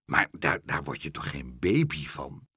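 A man voicing a slow-witted, puzzled father in a storybook reading. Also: extremely low pitch, sing-song, husky, no room sound, studio quality, pitched below the performer's own voice, exaggerated voice. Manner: puzzled, quiet.

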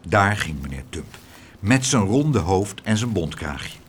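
A man reading a children's story aloud as narrator, in an expressive storyteller's way. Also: sits low, unhurried, a little hiss or hum.

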